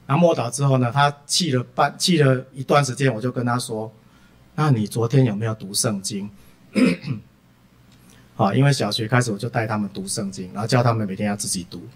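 A middle-aged man gives a sermon as a string of lively family stories. He sprinkles his talk with soft "ah" fillers. His voice sits at a medium pitch. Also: fairly quick. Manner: lively anecdotal delivery, frequent "ah" fillers. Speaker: preacher. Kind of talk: sermon with personal storytelling.

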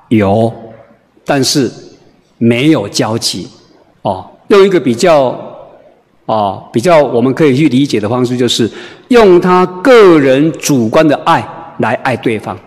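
A male preacher, telling a humorous story in a sermon in an animated, conversational way, full of "ah" and "oh" fillers. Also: medium pitch, in a large hall.

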